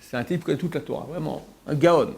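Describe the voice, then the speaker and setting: A man's voice: fairly high pitch, fast, vocal fry, a little hiss or hum. A man, a rabbi, giving an informal sermon, telling stories and acting out the quotes with many restarts. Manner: animated storyteller, acts out quotes, many restarts. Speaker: rabbi teaching a Torah class.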